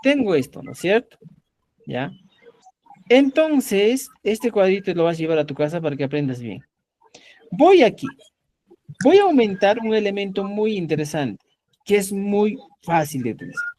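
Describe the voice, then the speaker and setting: A man's voice: high voice, moderate pace, pauses often. A man teaching a live online Quechua class, quizzing his students and saying "ya" again and again. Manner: lively, repeats "ya" and quizzes students.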